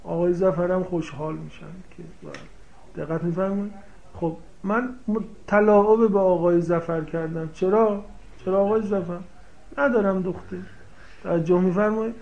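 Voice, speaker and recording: A man's voice: high-pitched, steady tone, vocal fry. A man giving a seminary lecture on a classical legal text, often checking that his listeners follow and paraphrasing Arabic phrases. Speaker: seminary teacher. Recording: slightly dull, lo-fi sound.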